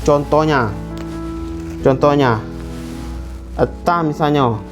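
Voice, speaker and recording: A man teaching Quran recitation rules in a classroom lesson, stretching words out slowly to demonstrate pronunciation. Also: on the high side, music in the background.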